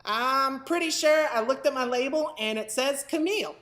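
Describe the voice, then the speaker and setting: A woman's voice: high-pitched, normal speed, fairly bright tone. A woman voicing a cheeky, whiny, vain talking pill-bottle puppet in a children's show, often stammering. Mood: cheeky, boastful.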